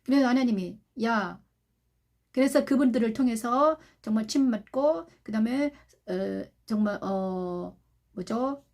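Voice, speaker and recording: A woman pastor preaching a sermon, repeating phrases, asking rhetorical questions and moving between soft and loud delivery. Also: a little high, measured pace.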